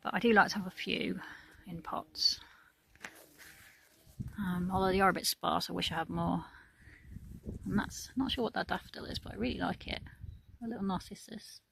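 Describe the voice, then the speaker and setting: A woman chatting casually as she walks around her garden, relaxed and full of ums. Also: lowish voice, moderate pace, vocal fry, long pauses, background noise. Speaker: gardening vlogger. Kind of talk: casual garden tour narration. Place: outdoors in a garden.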